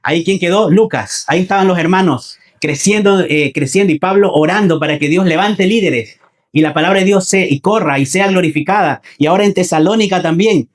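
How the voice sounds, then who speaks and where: A man's voice: high-pitched, fairly quick. A man preaching a Sunday sermon in who often repeats phrases, asks the congregation questions and calls them his brothers. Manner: addresses listeners as brothers.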